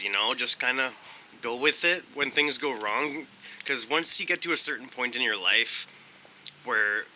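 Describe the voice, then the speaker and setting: A man's voice: mid-range voice, sharp tone. Laid-back man reviewing snacks in wind. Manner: laid-back, rambling, thinks aloud. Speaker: food review host. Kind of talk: casual snack review vlog. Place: outdoors. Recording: windy outdoor recording. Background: wind noise.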